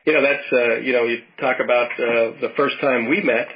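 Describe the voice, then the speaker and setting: A man's voice: mid-range voice, fairly even intonation, brisk, dull audio. A man in his fifties from Western Pennsylvania chatting casually as a podcast co-host, rambling through his thoughts with many restarts. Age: 50s. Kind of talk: casual chat.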